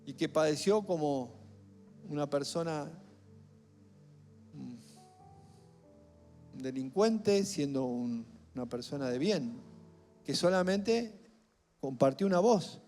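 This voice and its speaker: A man with a Rioplatense accent preaching a sermon as pastor, emphatic and building to near-shouts on key phrases. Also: fairly high pitch, expressive, slow pace, pauses often. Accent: Rioplatense Spanish. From Argentina. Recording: echoey hall with faint music.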